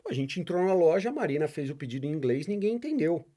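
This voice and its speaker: A man talks as a guest in a relaxed podcast chat. His voice sits a little high for a man, and his pitch swings widely as he tells stories. He acts out the people he quotes. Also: fast talker. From Brazil. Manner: animated storyteller, acts out quoted dialogue. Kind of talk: casual interview chat.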